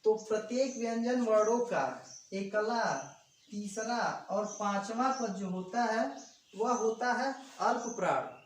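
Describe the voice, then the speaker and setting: A grammar teacher giving an exam-prep video lesson, explaining step by step and sounding out letters slowly, addressing viewers as friends. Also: medium pitch. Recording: echoey room, distant mic, faint background hum.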